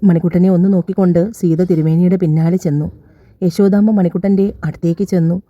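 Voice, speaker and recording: A woman's voice: fairly low pitch, steady tone, fast talker, dry recording. A woman narrating a scripted audio love story, voicing every character's lines in her own voice. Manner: reads all characters' dialogue in her own voice, slightly raised. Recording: dull dry lo-fi recording.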